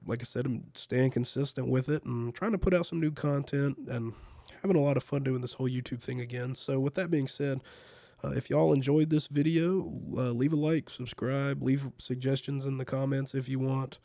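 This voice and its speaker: A man who is under the weather, with a stuffy nasal tone and a gravelly, mellow voice. He hosts a laid-back solo show, chatting casually and repeating words as he rambles along. The sound is close and dry. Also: mid-range voice, steady tone, moderate pace, dry recording. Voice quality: nasal, congested. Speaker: solo podcast host. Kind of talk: casual rambling fireside chat about gaming.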